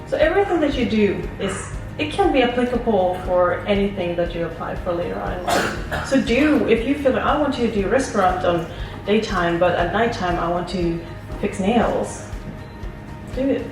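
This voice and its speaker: A woman's voice: medium pitch, lively intonation, moderate pace. A woman from Sweden answering audience questions at a seminar, giving earnest advice and acting out little inner voices. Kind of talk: seminar Q&A talk. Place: seminar hall. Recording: echoey hall, far from the mic, faint music.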